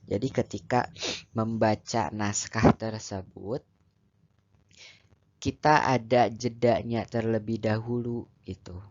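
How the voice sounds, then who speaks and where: A man giving a calm, conversational lesson on public speaking, explaining step by step with casual fillers. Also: on the low side, slow, long pauses. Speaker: teacher. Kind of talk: educational lecture on public speaking. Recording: dull lo-fi recording.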